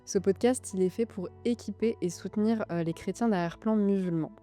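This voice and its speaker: A woman hosts a faith podcast, introducing her guest in a gentle, hesitant way with many fillers. Her voice is mellow and mid-pitched. Faint music plays behind her. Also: a little fast. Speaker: podcast host. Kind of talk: interview hosting.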